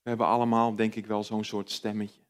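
Man, preacher, sermon, conversational, direct questions to listeners, swells on emphasis, soft on reflection. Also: completely flat delivery, brisk, smooth. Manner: rises in pitch and volume on emphatic points, drops soft on reflective ones.

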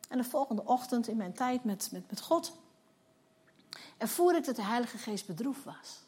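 A woman's voice: fairly high pitch, expressive, normal speed, darkish tone, slightly rough. A woman in her fifties, a church leader, giving a personal testimony sermon and telling her story vividly while acting out the dialogue. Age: 50s.

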